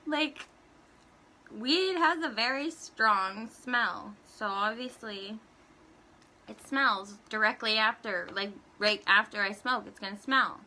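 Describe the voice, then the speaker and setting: A woman's voice: a little high, takes it slowly, pushed and bright. A young woman vlogger ranting bluntly through a countdown list, swearing often and laughing between points.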